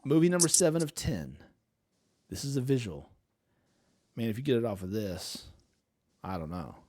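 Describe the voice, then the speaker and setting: Man, quiz host, playful, casual chat, mid-pitched voice. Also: very animated, moderate pace, mellow. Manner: playful, quotes lines in put-on voices.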